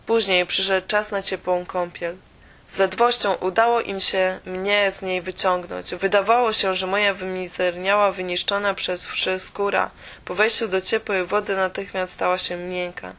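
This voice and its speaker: A woman reading a first-person audiobook in a steady, measured way. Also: mid-range voice. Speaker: audiobook reader.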